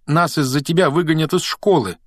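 A man's voice: fairly high pitch, fairly quick, no echo, pitched above the performer's own voice, lightly acted. A man voicing an anxious young schoolboy wizard, pleading and breathless.

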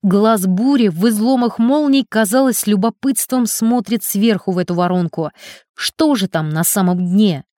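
A woman reading a children's adventure story aloud in an even, clear storytelling manner. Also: mid-range voice, moderate pace, no echo, studio quality. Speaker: audiobook narrator.

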